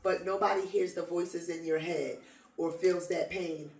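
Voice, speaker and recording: A woman's voice: fairly low pitch, fairly even intonation, a little slow, a little mellow. A woman co-hosting a casual advice chat, speaking emphatically and repeating phrases for stress. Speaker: podcast co-host. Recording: echoey room, mic at a distance.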